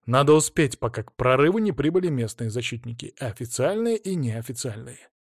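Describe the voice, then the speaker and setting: A man narrating a fantasy novel in the first person with brisk, vivid delivery. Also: medium pitch, expressive, creaky, slightly rough, dry recording, clean studio sound.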